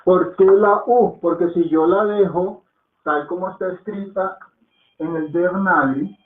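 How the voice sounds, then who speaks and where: A man with a high, steady voice teaches Hindi unhurriedly in a slow spoken lesson, repeating words patiently to drill their pronunciation. Soft "¿mm?" and "¿ok?" check-ins punctuate his teaching, and the audio is echoey and phone-like, lo-fi.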